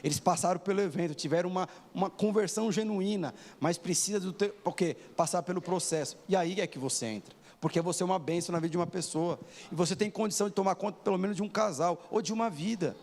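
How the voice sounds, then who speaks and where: A man's voice: high voice, fast, darkish tone. A man in his forties preaching a sermon in a church, often asking the congregation rhetorical questions. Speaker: pastor. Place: church hall. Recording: long hall reverb.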